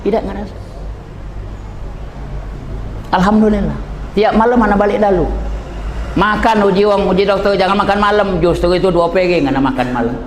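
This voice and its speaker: A man in his sixties with a Palembang Malay accent, preaching an emotional sermon that swings from low talk to high cries. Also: brisk. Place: large prayer hall at a religious gathering. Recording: echoey hall with long reverb.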